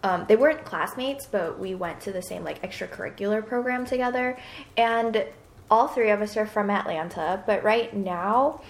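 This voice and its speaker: A woman's voice: mid-range voice, moderate pace. A young woman in her twenties, co-hosting a podcast in casual chat and filling her talk with frequent fillers. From Hong Kong. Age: 20s. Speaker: podcast co-host. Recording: roomy echo.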